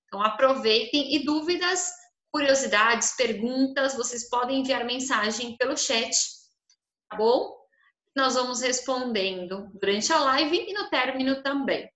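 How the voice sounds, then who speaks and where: Bright woman hosting a live stream. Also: sits high, a little slow, reverberant. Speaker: host, event organizer.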